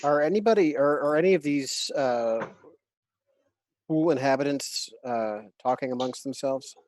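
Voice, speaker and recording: A man's voice: medium pitch, a little slow, darkish tone. A man playing a tabletop role-playing game, chatting casually and thinking aloud with some hesitation.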